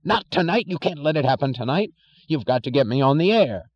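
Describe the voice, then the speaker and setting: A frantic, bullying official shouts orders in a strained, high, cracking voice, as a male reader puts him on. The sound is dull and lo-fi, like an older audiobook recording. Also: expressive, fairly quick. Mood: frantic rage. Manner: yelling, frantic, high-pitched outbursts.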